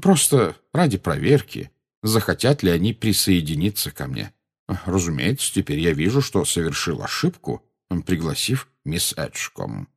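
A man voicing a calm, genial old wizard who speaks slowly and with quiet amusement. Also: sits low, creaky, husky, heavily acted. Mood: calm amused. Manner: slow, unhurried, gently amused.

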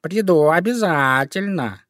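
A man's voice: fairly high pitch, lively intonation, measured pace, a bit bright, dry recording, studio quality, voice pushed up. A man voicing a greedy, purring tomcat in a storybook.

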